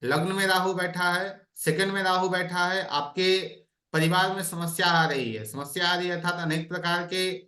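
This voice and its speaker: A man's voice: sits high, fairly even intonation, normal speed, few pauses, bright, forceful tone, reverberant. A man teaching an online astrology class, explaining by asking his students questions.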